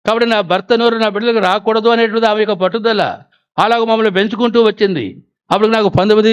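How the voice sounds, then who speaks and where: Man, preacher, high voice, smooth tone, sermon with testimony, asks the congregation questions. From Andhra Pradesh, India. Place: prayer house.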